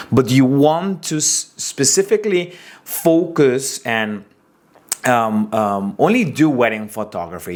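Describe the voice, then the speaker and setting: A man in his twenties with an Aruban accent, a wedding photographer telling his story and giving business advice in a casual talking-head episode, animated and expressive. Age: 20s. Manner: animated, expressive storytelling with big pitch swings.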